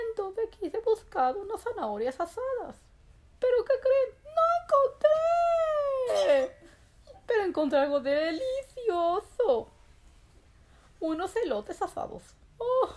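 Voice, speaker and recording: Voicing a little boy rabbit who is excitable and childlike, a woman goes very high-pitched and exaggerated for a children's bedtime story. The mood is delighted, full of wide-eyed exclamations and stretched-out words.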